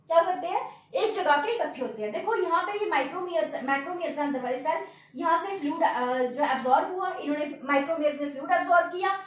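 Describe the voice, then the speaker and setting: Standing at a board, a woman biology teacher with a high voice repeats key terms as questions, answers them, and often checks in with tag words like "है ना" and "ठीक है." She is far from the mic in a very echoey room, with slight background noise.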